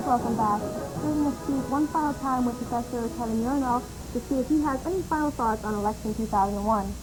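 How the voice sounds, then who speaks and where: A woman anchoring live local TV news, crisp and scripted. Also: fairly high pitch, brisk, over loud music, rough recording.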